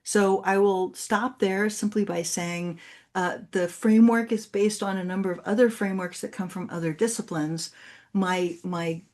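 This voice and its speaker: Her voice is medium-pitched and a little mellow, with fairly even intonation and a moderate pace. She is a native Spanish speaker presenting at a conference and answering questions, articulate and explanatory in the manner of a university academic.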